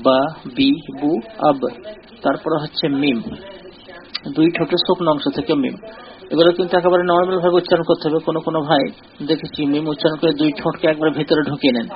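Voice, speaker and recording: A man teaching in a slightly higher-than-usual voice, patient and deliberate. He sounds out short syllables one by one and repeats them for his listeners. The recording is dull and lo-fi. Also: fairly even intonation. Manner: slow, deliberate explaining, repeating drilled syllables. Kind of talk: recorded lesson.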